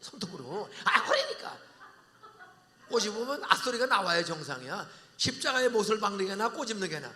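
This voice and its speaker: An older man preaching a revival sermon, leading call-and-response and bantering bluntly with the congregation, with sudden shouted peaks. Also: high voice, very animated, quick pace, few pauses. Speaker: pastor. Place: large church sanctuary. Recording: long church hall reverb.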